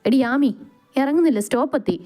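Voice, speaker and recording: A playful, blunt young woman needles her friend in a raised, lively voice. Her tone is mellow and teasing, a woman voicing her in a storybook reading. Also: high voice, fast, soft background music, voice pushed up. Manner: teasing, scolding.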